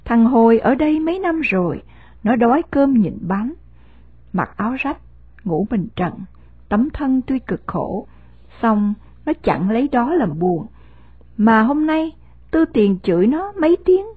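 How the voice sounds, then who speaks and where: A woman narrating a novel chapter in a steady, measured storytelling voice. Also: fairly high pitch, husky, no echo. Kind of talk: scripted audiobook narration of a novel.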